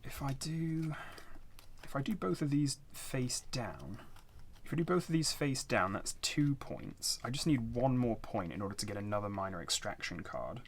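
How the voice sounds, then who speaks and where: Playing a board game solo, a man hesitantly talks himself through his decisions in casual, unscripted commentary. His medium-pitched voice is very animated at a normal speed, with a little hiss or hum in the background.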